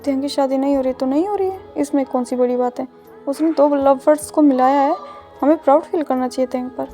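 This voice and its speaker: A woman's voice: high-pitched, fast talker, warm tone, soft background music, close to an everyday voice. A woman voicing a blunt, offhand young male friend in a told fan-fiction story.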